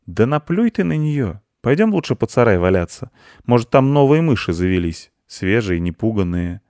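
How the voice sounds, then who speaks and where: A man's voice: mid-range voice, sing-song, moderate pace, a little mellow, no echo, studio quality, voice pushed up. A man voicing a cheeky, teasing grey tomcat.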